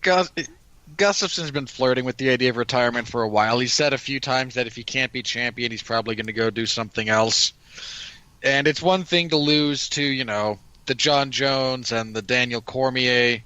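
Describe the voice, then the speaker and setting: A man with a bright, sharp-edged voice at middle pitch gives casual sports commentary. He is opinionated and quick to argue a point, recorded dry with almost no room sound. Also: clean tone, dry recording, poor audio. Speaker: boxing show co-commentator.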